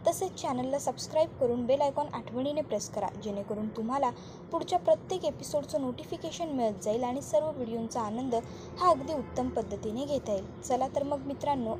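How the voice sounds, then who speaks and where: High-voiced woman narrating a recap. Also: noisy background. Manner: brisk storytelling recap, friendly greeting to viewers. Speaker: TV serial recap host. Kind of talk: scripted voice-over narration.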